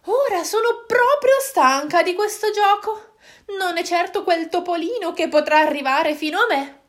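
A woman's voice: very high-pitched, lively intonation, moderate pace, voice pushed up. A woman voicing the moon in a children's story, a haughty female figure tired of a game. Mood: irritated. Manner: haughty, impatient. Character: proud, bored female moon.

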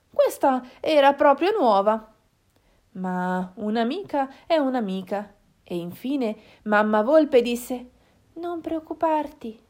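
A woman narrating a children's storybook in a slow, expressive reading. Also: medium pitch.

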